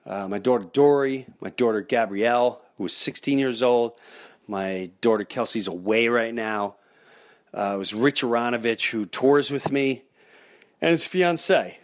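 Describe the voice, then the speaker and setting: A man's voice: mid-range voice, unhurried. A middle-aged man hosting a baseball fan show, telling stories in a casual, informal way with emphatic repetition and acted-out quotes. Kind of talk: casual chatty storytelling to the audience.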